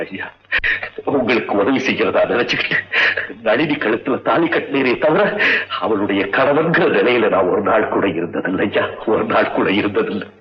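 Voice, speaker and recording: An actor playing an ill young husband, pleading and anguished with guilt. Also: male voice, fairly low pitch, expressive, moderate pace, echoey room, close to an everyday voice. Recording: dull old film soundtrack with music behind.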